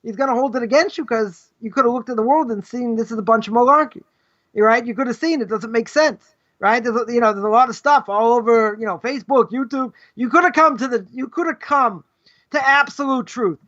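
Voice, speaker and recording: In a live ethics lesson on the Torah, a middle-aged rabbi rambles conversationally, throwing out rhetorical questions and capping almost every point with "right?". His pitch is extremely high, his pace brisk, and his tone a bit bright, all on dull lo-fi livestream audio.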